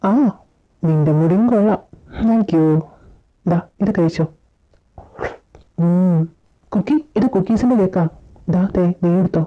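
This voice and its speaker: A woman's voice: on the low side, measured pace, long pauses. A woman acting out a fan-made audio story, dramatically switching between character voices. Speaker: storyteller voicing all characters. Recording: phone-like lo-fi audio with faint music.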